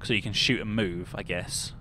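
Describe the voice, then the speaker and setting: This young British streamer has a lowish, sharp-toned voice with fairly even intonation and a moderate pace. He chats casually while gaming, greeting viewers by name and thinking out loud, against slight background noise.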